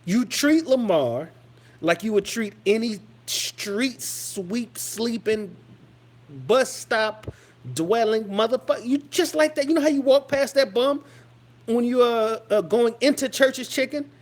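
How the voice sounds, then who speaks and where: High-voiced man ranting with profanity. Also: measured pace. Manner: heated, mocking, swears constantly; stammering restarts and repeated phrases. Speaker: vlogger.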